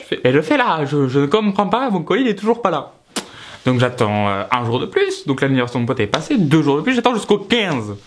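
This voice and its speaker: A man with a fairly high voice tells a personal story in a relaxed, chatty way. His voice jumps up and down as he acts out his reactions, and he keeps speaking straight to his viewers. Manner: animated, swinging pitch, talks straight to viewers. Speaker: vlogger telling a story. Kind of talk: casual story time.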